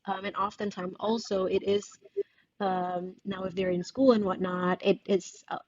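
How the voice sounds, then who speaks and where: A woman's voice: medium pitch, little pitch movement, unhurried, darkish tone, no room sound. Woman, thoughtful, on a dull call. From Indonesia. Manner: thoughtful, searching for words with many fillers and restarts. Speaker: guest author. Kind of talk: casual interview conversation. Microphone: video call. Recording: dull dry video call audio.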